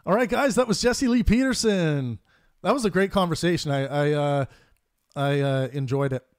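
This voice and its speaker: A man's voice: a little high, normal speed, darkish tone, no room sound, clean studio sound. An easygoing man hosting a podcast. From Canada. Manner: easygoing, laughs often, restarts his sentences. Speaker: podcast host. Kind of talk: casual debate chat on a live stream.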